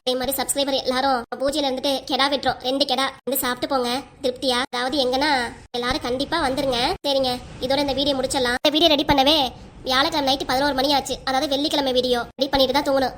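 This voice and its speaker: A woman's voice: high-pitched, fairly bright tone, slight background noise. A woman cartoon creator with a southern Tamil accent, chatting and thanking her viewers in a casual sign-off.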